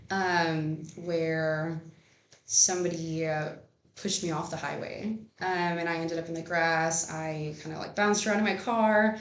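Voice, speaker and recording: Earnest young woman, echoey room. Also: lowish voice. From Rio Grande Valley, Texas. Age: young adult. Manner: earnest, many fillers. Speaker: newly licensed attorney, guest. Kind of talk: casual interview. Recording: echoey room with faint noise.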